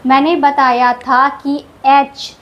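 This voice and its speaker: A woman teaching English pronunciation rules, who explains each rule slowly and repeats the example words with care. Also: sits high, little pitch movement, muffled recording.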